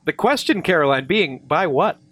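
A man's voice: fairly high pitch, animated, normal speed, a bit bright. A man co-hosting a podcast, making wry jokes while commenting on an old radio clip. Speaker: podcast co-host. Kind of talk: casual commentary on an archive recording.

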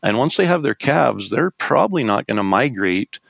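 A man giving casual, conversational hunting advice, thinking it through as he goes in a thoughtful, halting way. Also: medium pitch, very animated, vocal fry, fairly bright tone, no echo. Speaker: elk hunting expert.

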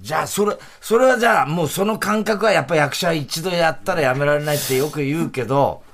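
A man's voice: a little high, fast, a bit bright. A man hosting a radio talk show, asking questions eagerly and reacting often. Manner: eager interviewer, frequent short reactions. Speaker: radio host. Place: radio studio.

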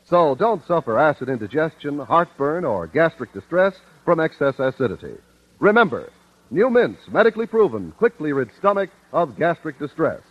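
A husky man delivers a chipper 1950s radio ad. His pitch is a little high and swings in a lively way as he hammers each selling point. It is a dry but muffled vintage radio recording. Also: normal speed, dry recording. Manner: emphatic, itemized sales pitch. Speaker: radio advertising announcer.

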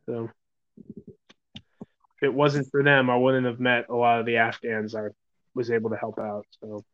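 A man from New York who works as an EMS medic talks through his experiences in a relaxed, rambling way. He swears casually, restarts sentences and keeps tagging "man" onto his thoughts. The recording sounds dull and lo-fi. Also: medium pitch, normal speed. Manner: rambling, profane, many fillers and "man". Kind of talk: casual interview talk.

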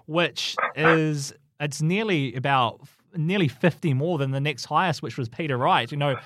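A man's voice: a little high, normal speed, a bit bright, no room sound, clean studio sound. A man hosting a casual sports radio chat in a conversational way, reading out statistics. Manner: conversational, reads out stats. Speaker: radio show host.

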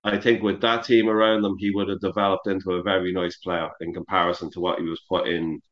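A lower-pitched man rambles through his football opinions on a podcast, stacking "like" and "you know" as he goes. The sound is a little muffled, the way an internet call comes through. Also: flat delivery, fast. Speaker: podcast co-host. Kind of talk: casual sports chat. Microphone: remote call over the internet.

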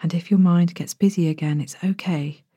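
Leading a bedtime relaxation, a woman narrates a guided body scan in a low, deeply mellow voice whose breathy softness edges into a whisper. Her intonation stays fairly even, and her calm instructions come without hurry; there's no echo.

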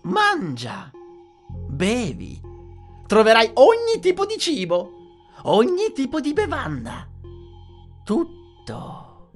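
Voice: huge pitch swings, takes it slowly, pauses often, heavily acted. A narrator voicing a sinister, mock-cheerful male hatter who coaxes a girl to keep eating, over faint music. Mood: creepy coaxing. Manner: coaxing, high and loud, mock-cheerful. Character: creepy sinister male hatter, sugary and menacing.

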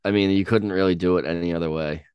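A young man co-hosting a casual song-reaction chat, talking in a halting way with many ums and restarts. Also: low-pitched, steady tone, clean tone, dry recording, lo-fi sound. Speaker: podcast co-host.

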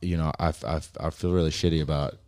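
A man's voice: extremely low pitch, no echo, clean studio sound. A young man, a stand-up comic, telling stories in a casual podcast chat and acting out the lines of the people in them. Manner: fast, animated storytelling with acted-out quotes.

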